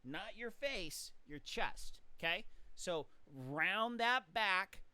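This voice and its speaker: A man's voice: high-pitched, expressive, slow pace, bright, forceful tone, smooth, no echo. A man giving casual swim coaching instructions, chatty and direct, counting out kicks aloud as he explains drills.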